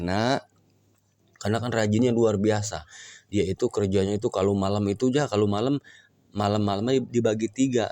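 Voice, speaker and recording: A man's voice: low voice, dark tone, no room sound. A man, telling a religious story casually and acting out the dialogue in raised voices.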